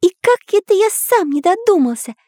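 A woman voicing an excitable young male artist in a children's audiobook, speaking high and eager. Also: moderate pace, no room sound, clean studio sound.

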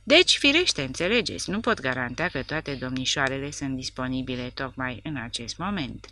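A woman's voice: rumbling low, fairly bright tone. A woman voicing a haughty older brothel madam who speaks with cold, composed politeness in a story reading. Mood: coolly polite.

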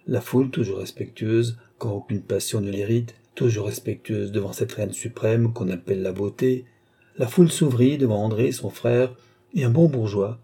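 A man reading a classic novel aloud as an audiobook in a steady, even manner. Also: lowish voice, breathy edge. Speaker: audiobook narrator. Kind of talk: scripted narration of a classic novel.

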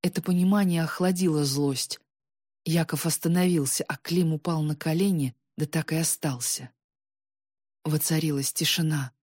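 Low husky lady reading a story aloud, measured and dramatic, dry recording. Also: fairly even intonation, a little mellow, no room sound. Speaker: audiobook narrator. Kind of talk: storytelling narration.

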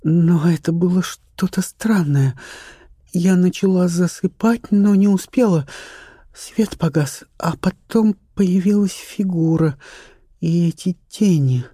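Male narrator doing a shaken young actress, high and breathless, dry and close-miked. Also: takes it slowly, warm tone, husky, dry recording, exaggerated voice. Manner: trembling, breathless, half-whispered. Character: frightened young actress, nervous and stubborn. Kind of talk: audiobook character reading.

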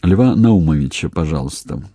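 A man voicing a calm, wry young police investigator with a dry, ironic manner, in an audiobook. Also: very deep voice, normal speed, husky, no room sound, full character voice.

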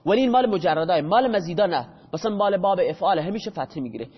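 A man with a high voice teaches a grammar class, taking each rule step by step and stopping to quiz his students. The audio is dull and muffled, and his voice rings with a long hall reverb. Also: animated, husky. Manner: explains step by step, quizzes students with questions.

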